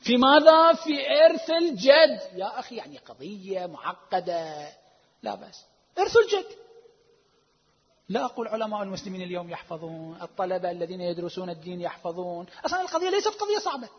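Man preaching a religious lecture, high husky voice, loud then hushed, muffled lo-fi sound in a big echoey hall. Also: very animated. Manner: emphatic, drawn-out stresses, swings between loud and hushed; rhetorical questions to the audience. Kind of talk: religious lecture citing sources. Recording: dull lo-fi recording with long hall reverb.

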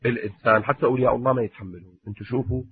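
A man preaching a sermon, telling a story with passion, swinging between loud warnings and hushed asides. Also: medium pitch, steady tone, very fast. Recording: muffled, narrow phone-like sound, husky and dry.

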